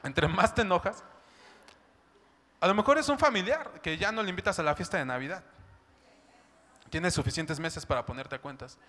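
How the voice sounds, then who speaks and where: A man's voice: high voice, expressive, moderate pace, pauses often, bright, forceful tone, a little hiss or hum. A man preaching a sermon, talking in a chatty way and often asking "¿no?". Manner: conversational, keeps asking "¿no?" and "¿sabes?". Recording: long hall reverb.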